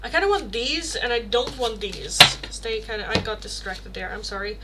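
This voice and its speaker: A young woman from Rotterdam, by her Dutch accent, reads tarot casually on a livestream, wandering through chat questions in a talkative style packed with fillers and self-corrections. She speaks at a moderate pace with a fairly high pitch. Heavy background noise fills the recording.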